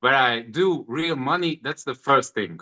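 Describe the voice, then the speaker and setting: Bright-voiced man in his thirties. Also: mid-range voice. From Hungary. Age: 30s. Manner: halting non-native English, repeats words. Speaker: interview guest. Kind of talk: casual interview answers.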